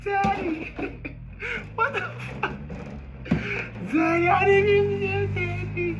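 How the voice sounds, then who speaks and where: A man putting on the voice of his younger self as a shrill, incredulous little boy. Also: level tone, slow pace. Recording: noisy background hiss.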